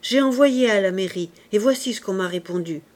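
A woman reading the part of a wary male innkeeper who speaks in a measured, firm tone. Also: medium pitch, a little mellow, lightly acted.

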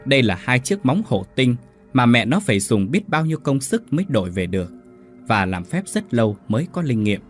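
A man narrating a ghost story in a suspenseful, expressive scripted style. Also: medium pitch, brisk, soft background music.

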